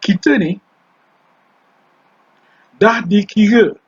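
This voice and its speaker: Older Malaysian trainer, husky, a bit high, chatty lecture, lo-fi dull recording. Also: male voice, drawn-out words. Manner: conversational, mixes English terms into Malay, quizzes the class. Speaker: environmental law trainer.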